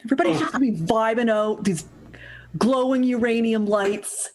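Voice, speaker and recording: A woman performing in an improvised comedy scene, playful and quick. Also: a little high, a little mellow.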